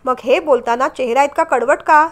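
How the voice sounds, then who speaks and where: A woman reading a storybook, voicing a firm, concerned divorced young man who scolds gently. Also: sits high, animated, normal speed. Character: caring, stern divorced man, young adult.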